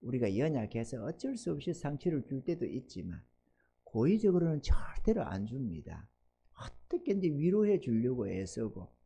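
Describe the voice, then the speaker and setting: Preaching on a Sunday, a sixty-something pastor alternates between forceful, loud exhortations and quiet asides, asking his congregation for amens. He has a gravelly, mid-range voice.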